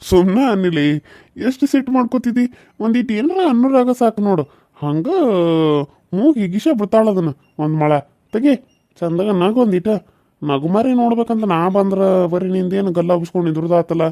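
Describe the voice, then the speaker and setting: A man's voice: high-pitched, fairly quick, dark tone, no echo, studio quality. A man voicing a teasing, coaxing middle-aged man in a cartoon serial, with a North Karnataka accent. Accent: North Karnataka Kannada.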